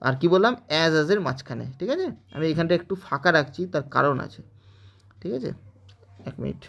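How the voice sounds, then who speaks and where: Fast-talking bengali guy teaching grammar, keeps asking "okay?", bit high voice. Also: animated, creaky, fairly bright tone. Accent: West Bengal Bengali. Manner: explains step by step with frequent "okay?" check-ins. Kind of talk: spoken grammar lesson.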